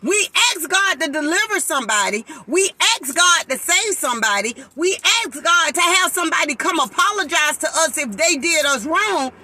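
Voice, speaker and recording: A woman's voice: sits high, expressive, moderate pace, few pauses, bright, forceful tone. A woman, preaching in a sermon-style live talk and fervently acting out voices.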